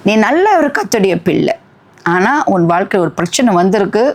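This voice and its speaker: A woman's voice: mid-range voice, expressive, a little fast. A middle-aged woman preaching a sermon with fervent, emphatic peaks, slipping in short English phrases.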